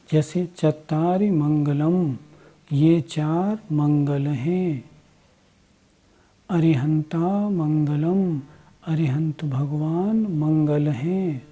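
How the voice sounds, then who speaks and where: A woman teaching the correct recitation of a prayer, chanting each line slowly and explaining its meaning with careful pronunciation. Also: low-pitched, mellow, husky. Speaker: religious teacher. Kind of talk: slow devotional recitation and explanation.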